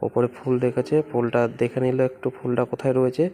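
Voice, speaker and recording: A man filming his baby at home on a phone and talking gently through it in a casual vlog, repeating himself as he describes what the baby does. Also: medium pitch, flat delivery, fairly quick. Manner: gentle, repetitive running commentary, coos to the baby. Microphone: phone camera.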